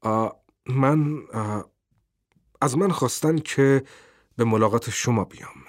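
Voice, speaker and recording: A man voicing a hesitant, formal company messenger who pauses on drawn-out ums. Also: mid-range voice, no echo, clean studio sound, lightly acted.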